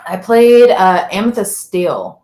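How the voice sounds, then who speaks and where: This woman speaks slowly in a warm, mid-range voice with big swings in pitch. Co-hosting a live-streamed podcast, she chats loosely and rambles while searching for words, and the recording echoes like a large room.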